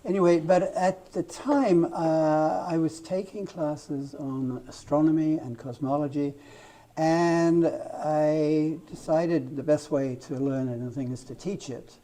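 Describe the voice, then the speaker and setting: A man's voice: on the high side, steady tone, slow, dark tone. An older Welsh-born man with an English accent, a guest author in a casual interview, rambling and self-deprecating. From Wales.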